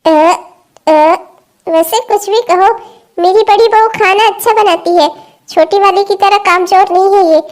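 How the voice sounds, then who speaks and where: Brief: very high-voiced nagging cartoon mother-in-law, played by a woman, sharp-tongued and scolding. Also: a little slow. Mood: grumbling. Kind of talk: comedy cartoon voice acting.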